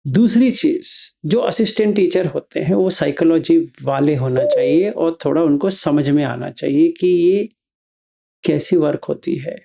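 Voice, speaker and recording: A man teaching meditation, explaining the practice slowly, step by step. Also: on the high side, gravelly, mellow. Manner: slow, step-by-step instruction.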